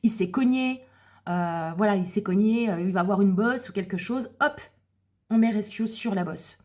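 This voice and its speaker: Mellow, husky-voiced woman explaining products. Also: mid-range voice, moderate pace. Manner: chatty and explanatory, with self-corrections. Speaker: wellness advisor presenting essential oils for children. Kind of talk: casual product explanation to camera.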